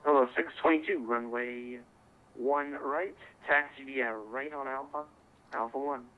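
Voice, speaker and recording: A man's voice: medium pitch, steady tone, unhurried. Tinny-radio male air traffic controller. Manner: clipped procedural phrasing, courteous. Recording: tinny narrow-band radio voice link.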